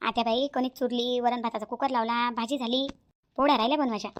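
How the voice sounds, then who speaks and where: A woman's voice: a little high, fairly even intonation, fast, a little hiss or hum, natural voice. A woman doing a harried young cartoon daughter-in-law. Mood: complaining.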